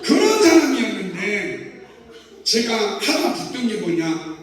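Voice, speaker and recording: High-voiced Korean pastor preaching in an echoing hall. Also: male voice, takes it slowly. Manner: animated, chuckling storytelling. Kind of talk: revival sermon. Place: large church sanctuary. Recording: echoey hall, voice from far off.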